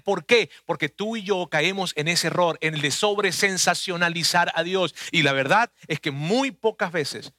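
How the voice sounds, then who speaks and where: A man's voice: high voice, sharp tone, no room sound, studio quality. A man, preaching a conversational sermon that speaks earnestly and personally to the listener.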